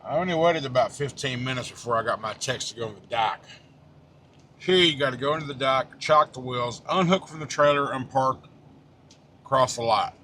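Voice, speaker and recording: Filming himself on a small handheld camera inside his truck cab, a middle-aged trucking vlogger chats loosely, stopping and starting often, using fillers, and cursing bluntly at times. He speaks at a moderate pace with a medium-pitched voice that sounds pushed and bright, and there's a bit of hiss or hum.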